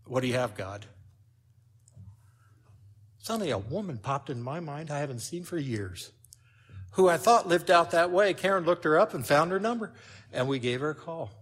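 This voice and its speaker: An older man preaching a sermon, telling a personal story with lively swings in loudness. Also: on the high side, normal speed, long pauses.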